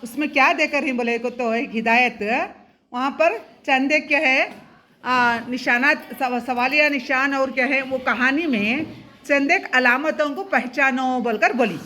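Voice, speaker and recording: A woman teacher speaks a little slowly in a high-pitched voice with a sharp tone while giving a lesson to young pupils. She asks question after question, has the class repeat terms, and weaves English terms into her speech.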